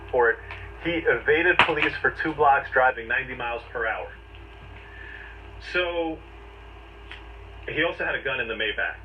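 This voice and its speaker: A man working as a legal commentator explains the law conversationally, moving step by step through short, forceful phrases. His mid-range voice keeps a moderate pace, broken by long pauses. The recording is replayed audio that sounds distant, dull and noisy.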